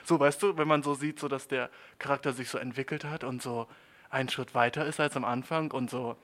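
Slangy rambling young man. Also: a bit bright. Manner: slangy, rambling, jumps to high squeaky mock voices. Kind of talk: comedic monologue.

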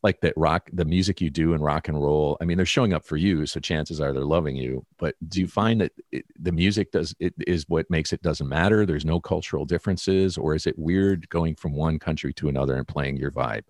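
A man's voice: extremely low pitch, fairly quick, hardly any pauses, darkish tone, no echo, clean studio sound. An American man hosting a podcast interview over a call, asking rambling questions that he keeps correcting. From United States. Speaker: podcast host. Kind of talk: casual interview chat. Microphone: call recording.

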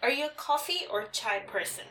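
Bright-voiced woman podcast co-host. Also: fairly high pitch, animated, a little fast, roomy sound. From Bangladesh. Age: 20s. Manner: chatty, restarts sentences often. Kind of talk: casual podcast chat.

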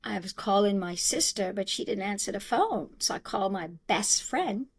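A middle-aged woman, telling her own story as an interview guest, animated and acting out what others said, laughing often. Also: mid-range voice, normal speed, breathy edge. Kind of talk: conversational storytelling.

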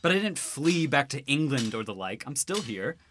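A man's voice: medium pitch, sing-song, moderate pace, background noise, close to an everyday voice. A man voicing a cocky, teasing young prince and husband in a student radio drama.

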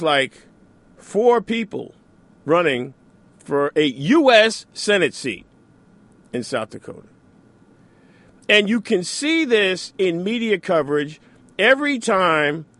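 A man's voice: a little high, a bit bright, no room sound. A man hosting a radio talk show, delivering an opinionated monologue with sarcastic asides. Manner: sarcastic, mocks opponents in mimicking asides.

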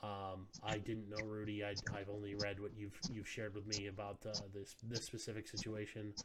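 A man with a fairly low voice co-hosts a casual podcast, laying out his argument deliberately and pausing often to think. The recording carries clear background noise and occasional clicks. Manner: measured, argumentative, with thinking pauses. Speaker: podcast co-host.

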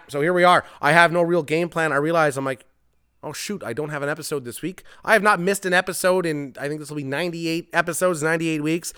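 A man's voice: a little high, a bit bright, smooth, dry recording, studio quality. Man rambling live from an open garage. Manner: rambling, self-deprecating, joking; sweary. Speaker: podcast host. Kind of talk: casual improvised live monologue. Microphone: mic with foam windscreen, no pop filter.

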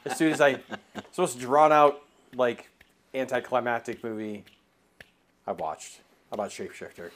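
A man's voice: medium pitch, normal speed, pauses often. A man co-hosting a casual podcast, blunt and profane, laughing at his own stories. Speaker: podcast co-host. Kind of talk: casual chat.

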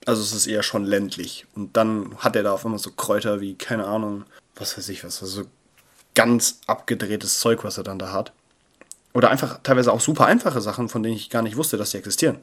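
Young male podcast host, casual and playful, jumps from loud to hushed, close sensitive mic. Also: lowish voice, fairly even intonation, a little fast, breathy edge. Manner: chatty and playful, swings between loud bursts and near-murmurs. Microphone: sensitive close mic that picks up paper rustle.

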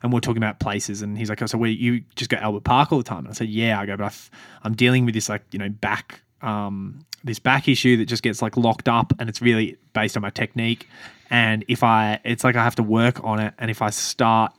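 A young man co-hosting a casual podcast, chatty and quick to laugh. His voice sits low, and he slips in quick asides. The recording is close and dry. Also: level tone, fairly bright tone, dry recording. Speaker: podcast co-host. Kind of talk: casual chat.

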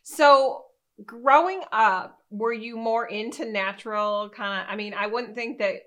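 A woman's voice: a little high, unhurried, fairly bright tone. A woman from Michigan hosting a casual interview, asking chatty, rambling questions. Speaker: host.

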